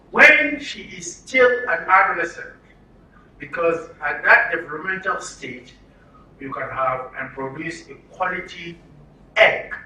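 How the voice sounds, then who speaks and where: A Nigerian-accented man gives an interactive lecture at a training session, his fairly high voice bright and forceful. He speaks emphatically and often puts questions to the listeners. The distant mic picks up a roomy sound and background noise.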